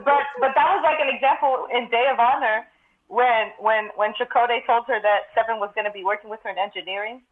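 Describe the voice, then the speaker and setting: A woman's voice: a little high, fast. A woman talking casually as a panelist in a fan discussion, over dull, phone-like audio.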